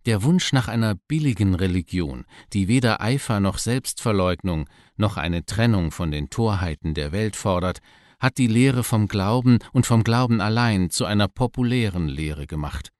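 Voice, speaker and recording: A man with a very deep voice reads a devotional text aloud in a measured, solemn way. The recording is dry and close, with no room sound. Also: expressive, a little mellow, no echo. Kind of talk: scripted devotional reading.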